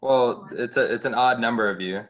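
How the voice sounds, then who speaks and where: Male GM, mid-range voice, relaxed and halting narration. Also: medium pitch, slight background noise. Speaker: game master. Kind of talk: narrating a tabletop game.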